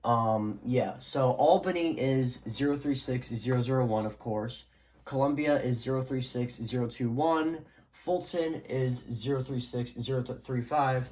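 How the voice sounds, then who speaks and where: With an unhurried, medium-pitched voice of darkish tone, a hobbyist video maker stumbles through a casual product demo with no script. His talk is rambling and hesitant, often tailing off into "so yeah." It's a clearly noisy amateur recording made at home.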